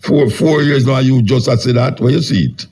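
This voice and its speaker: A man's voice: medium pitch, normal speed, darkish tone, breathy edge. A Jamaican man hosting a radio call-in in casual Rastafarian-style Patois, blunt and challenging with short questions.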